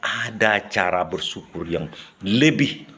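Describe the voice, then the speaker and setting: Forceful chatty male storyteller. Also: fairly low pitch, expressive, slow pace, husky. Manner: chatty, laughs often, addresses listeners as friends. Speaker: motivational storyteller. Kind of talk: storytelling talk.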